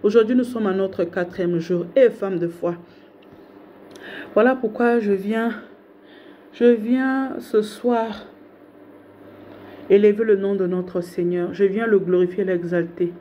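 A woman's voice: medium pitch, steady tone, moderate pace, highs cut off, slight background noise. A woman preacher delivering a fervent sermon, with repeated exhortations in a rhythmic, building cadence. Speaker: prophetess preaching online.

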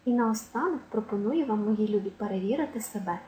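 A woman teaching a language lesson, clearly stressing syllables as she explains word stress. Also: mid-range voice, animated, brisk, darkish tone, poor audio. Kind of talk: exam-prep lesson.

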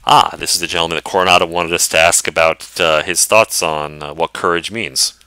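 A man's voice: deep voice, fairly even intonation, fairly quick, bright, forceful tone, smooth, no echo. A man hosting a let's play, commenting thoughtfully and chattily with many fillers. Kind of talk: casual game commentary.

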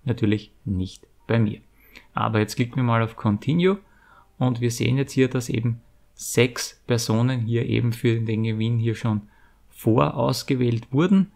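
Deep-voiced man, slightly gravelly. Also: normal speed, a little mellow. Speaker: YouTube channel host. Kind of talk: scripted giveaway announcement to viewers.

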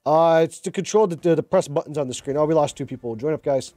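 Hyped streamer man with a mellow voice. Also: on the high side, fast talker, no echo, clean studio sound, soft background music. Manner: excitable, repeats himself, urges viewers on. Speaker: mobile game live streamer. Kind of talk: casual live-stream chatter.

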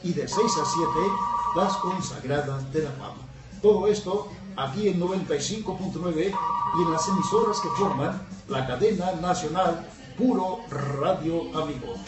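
A man's voice: a little high, moderate pace. A man hosting a music program as a radio DJ, greeting listeners cheerfully on air, heard as a broadcast radio sound. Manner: cheerful on-air greetings, reads phone numbers. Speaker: radio host. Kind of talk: radio DJ announcing. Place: radio studio. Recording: echoey distant radio air-check with loud music.

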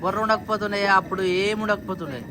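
A man's voice: high-pitched, fairly even intonation. A man talking casually while working at home in a village and telling others what to do. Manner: directing others, brisk. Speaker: vlogger. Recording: loud background noise.

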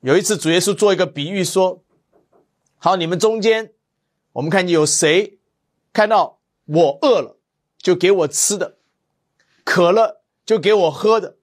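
Man, pastor, devotional sermon, anecdotes with quoted dialogue, higher voice. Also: a little slow, long pauses. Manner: storytelling, lively quoted dialogue.

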